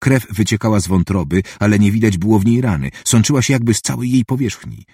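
Guy reading an audiobook, steady measured narration, low raspy voice. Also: no echo, studio quality.

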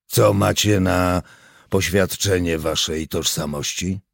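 A man voicing a suspicious, grim male partisan leader with a terse, gruff manner. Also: low voice, steady tone, takes it slowly, no echo, studio quality, heavily acted. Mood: sullen.

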